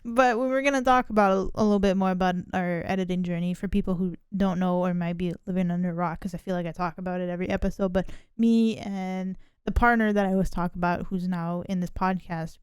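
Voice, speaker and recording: A woman's voice: lowish voice, fairly quick, clean tone, no room sound, clean studio sound. A young woman hosting a podcast in casual, chatty talk that rambles a little. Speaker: podcast host. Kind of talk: casual chat.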